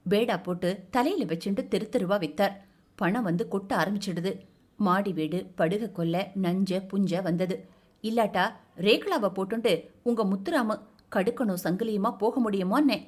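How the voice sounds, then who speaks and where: A woman's voice: mid-range voice, a little mellow, lightly acted. A woman voicing a short, half-mad grown man who talks like a child and babbles eagerly and insistently.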